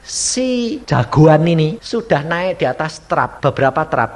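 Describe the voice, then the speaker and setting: A man, preaching a sermon as an evangelist with vivid storytelling and sudden loud bursts and soft drops. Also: a little high, big pitch swings, a little slow.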